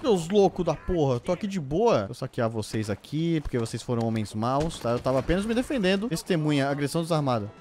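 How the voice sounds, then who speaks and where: A young man giving casual gameplay commentary, swearing often and shouting in outrage before dropping to a mutter. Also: a little high, sing-song, fast talker, hardly any pauses. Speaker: gameplay streamer.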